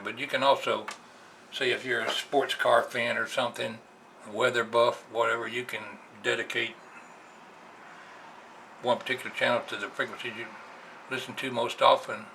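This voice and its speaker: Gravelly, pushed and bright, a medium-pitched American male voice offers a plainspoken, easygoing explanation in hobbyist-vlogger style. The noisy amateur audio comes from a camera's built-in microphone while he sits at a computer indoors.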